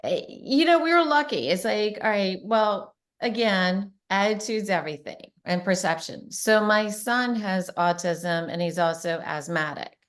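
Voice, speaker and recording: A middle-aged woman hosting a casual chat, upbeat and quick to laugh, acting out little quotes as she tells stories. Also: mid-range voice, animated. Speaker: host, real estate agent.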